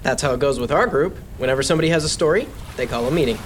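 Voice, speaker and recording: A man's voice: mid-range voice, racing, lightly acted. A young man acts an earnest teenage boy who speaks to reassure his friends. The drama delivery is natural and everyday. Faint ambient noise runs behind him. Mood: hesitant, sincere.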